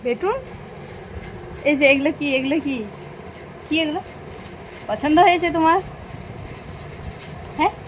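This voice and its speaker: A woman's voice: sits high, measured pace, pauses often, a little hiss or hum. A woman talking playfully to a baby in coaxing, sing-song baby talk.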